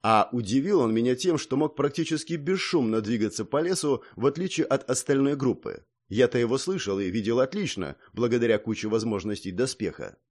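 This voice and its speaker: A man narrating a fantasy audiobook in the first person, even and a little wry. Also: medium pitch, a little fast, few pauses.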